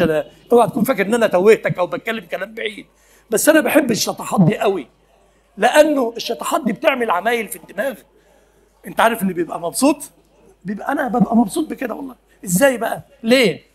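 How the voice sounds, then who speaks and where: A man preaching with an Egyptian accent in a very high, quick voice. He talks to his listeners casually, keeps asking them questions and laughs often as he explains. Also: animated, slightly rough. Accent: Egyptian Arabic. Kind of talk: conversational sermon.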